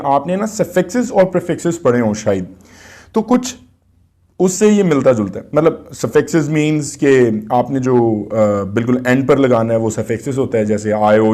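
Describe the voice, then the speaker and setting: Pakistani male teacher, slow deliberate English. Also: mid-range voice, dark tone. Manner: reads English slowly and deliberately, explains quickly in Urdu; addresses students directly, asks and answers his own questions. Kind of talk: classroom lesson, mixing urdu and english.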